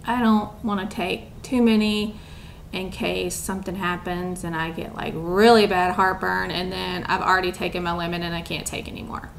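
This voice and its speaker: A woman's voice: on the low side, level tone, normal speed, gravelly, a little hiss or hum. A young woman chatting casually to camera at home, rambling with lots of ums and a bit out of breath. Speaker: vlogger.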